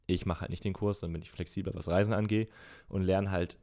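A man's voice: low-pitched, steady tone, a little fast, dark tone. A young man in his twenties, co-hosting a podcast in casual chat, explaining things at length with many fillers. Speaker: podcast co-host.

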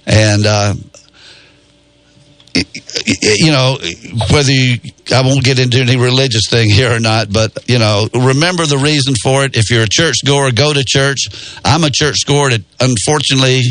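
A man's voice: mid-range voice, fairly bright tone, no room sound. A man hosting a radio show in a studio, talking in a folksy, rambling way. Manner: folksy, rambling with many pauses. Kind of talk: casual radio talk. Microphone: studio microphone.

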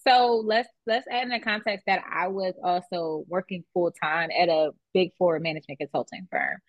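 A young woman speaks as an interview guest, her voice fairly low for a woman and a little dull, as if recorded on modest gear. The room is dry and close, with no echo. She talks loosely and keeps checking in with "right?". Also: moderate pace. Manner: conversational, many "like" and "right?" tags. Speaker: guest, beauty business founder. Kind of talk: casual interview chat.

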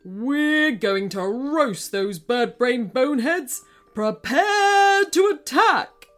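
Hot-tempered bread king, played by a woman narrator, bellowing and sneering in a storybook tale, soft music behind. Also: sits high, wildly swooping pitch, slow, voice pushed up, full character voice. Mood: enraged. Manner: bellowing, spitting insults.

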